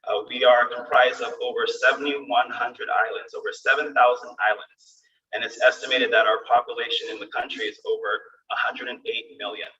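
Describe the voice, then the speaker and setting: A man's voice: mid-range voice, flat delivery, moderate pace, bright, forceful tone. A man in his forties from Los Angeles, an attorney giving an earnest, formal town hall talk with fillers and restarts over a video call. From Los Angeles, USA. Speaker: attorney and guest speaker. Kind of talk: community town hall presentation. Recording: echoey, distant, dull video-call audio.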